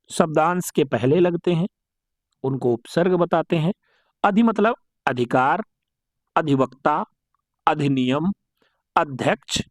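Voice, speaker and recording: A man with a high, animated voice teaches exam-prep grammar, pitch leaping up and down as he goes. He keeps asking "what is it?" and answering himself, then repeats each correct form. The sound is close and dry, with no room echo. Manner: asks rhetorical questions and answers them himself.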